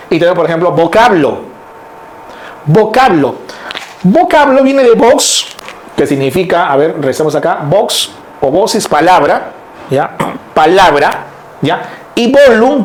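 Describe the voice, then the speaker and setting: Male teacher, middle-aged, high voice; lively classroom lecture, keeps checking in with students. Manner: lively, explains step by step, keeps checking in with listeners. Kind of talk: classroom lecture on word roots.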